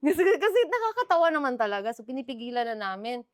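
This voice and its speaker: A woman's voice: sits high, very animated, fast, no echo, clean studio sound. A woman, a guest actress animatedly telling a set story in a casual interview, laughing and mixing in English.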